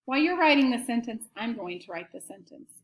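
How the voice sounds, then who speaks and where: A woman teacher giving an early-grade writing lesson and slow dictation to students at home, prompting them patiently. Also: a little high, lively intonation, roomy sound.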